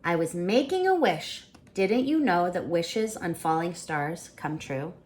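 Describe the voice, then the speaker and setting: A woman voicing a caring, gentle old grandmother from a storybook. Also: fairly low pitch, animated, a little slow, slight background noise. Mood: knowing. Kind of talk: storybook character voice.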